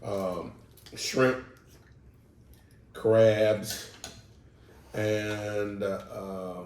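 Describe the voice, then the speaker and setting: A man's voice: lowish voice, level tone, extremely slow, a little mellow, far from the mic. A man from New Orleans with a local accent, talking over a family dinner and explaining at length with many fillers and firm emphasis. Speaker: husband, father. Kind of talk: casual family mukbang chat. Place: home dining table. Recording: echoey room, from off mic, faint noise.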